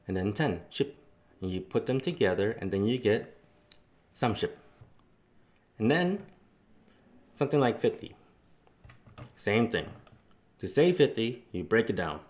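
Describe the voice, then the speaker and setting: A man teaching a casual spoken lesson, explaining step by step with loose fillers. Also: lowish voice. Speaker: language teacher.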